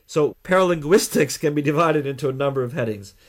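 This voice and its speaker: A Canadian man talking as a guest in a radio interview, explaining things in a measured way with deliberate pauses. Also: a little high, expressive. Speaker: guest, communication trainer.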